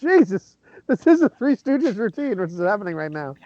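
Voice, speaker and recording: High, lively joking man. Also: normal speed, dry recording, highs cut off. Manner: joking, laughs often. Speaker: comedy podcast co-host. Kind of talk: riffing over a film.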